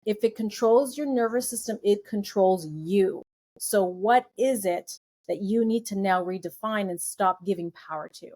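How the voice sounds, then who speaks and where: A woman's voice: medium pitch, a little slow, mellow. A woman guest on a podcast interview, earnestly telling a personal story and piling up phrases in emphatic lists. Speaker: guest nutritionist.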